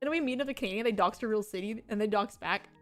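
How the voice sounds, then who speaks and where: Soft music plays behind this young woman's mid-range voice as she chats at a quick pace. A VTuber on a casual stream, she rambles through stories, giggling, laughing often, and using lots of fillers.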